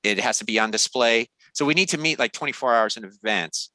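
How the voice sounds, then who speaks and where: A man chairing an online business meeting informally, with halting, hesitant phrasing. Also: medium pitch, pushed and bright, no room sound, low-quality recording.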